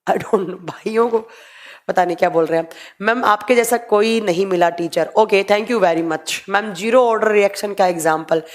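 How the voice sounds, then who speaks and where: A young woman teacher running a live online class, reading out chat questions and answering them in a relaxed explaining way. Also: medium pitch, moderate pace. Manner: explains in mixed Hindi and English, reads viewer comments aloud.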